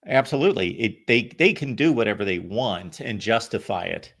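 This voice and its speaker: A man's voice: lowish voice, lively intonation, moderate pace, a bit bright. Matter-of-fact male sports call-in host. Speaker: host of a college football call-in show. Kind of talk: conversational sports analysis.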